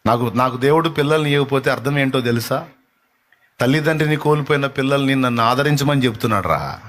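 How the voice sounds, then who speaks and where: A man's voice: mid-range voice, fast, a bit bright, a little hiss or hum. A male preacher giving a fervent sermon, repeating lines for the congregation to echo and acting out taunting voices. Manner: acts out taunting voices and rebukes them.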